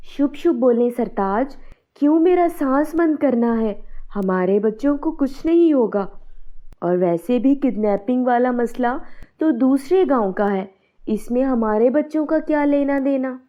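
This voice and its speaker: A woman's voice: high-pitched, animated, unhurried. A woman voicing an anxious, emotional village wife and mother in a cartoon. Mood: coaxing. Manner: pleading, emotional. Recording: dull, muffled sound.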